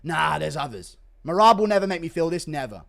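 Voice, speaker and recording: High-pitched, excitable male fight streamer. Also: fairly quick, creaky. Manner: excitable, sweary, swings from calm to shouting. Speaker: livestreamer reacting to a fight. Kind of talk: live fight commentary and casual chat reaction.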